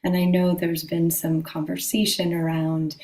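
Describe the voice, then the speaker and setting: A woman's voice: lowish voice, completely flat delivery, a little slow, warm tone, reverberant, faint music behind, low-quality recording. A woman putting a thoughtful question to a spiritual teacher, hesitant and searching. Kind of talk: asking a question in conversation.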